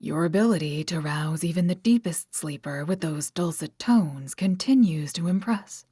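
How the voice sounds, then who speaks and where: A woman voicing a quiet, introverted male tracker in an audiobook, speaking flatly and without emotion. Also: low voice, normal speed, slightly rough, no room sound, studio quality. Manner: flat, emotionless, dryly wry.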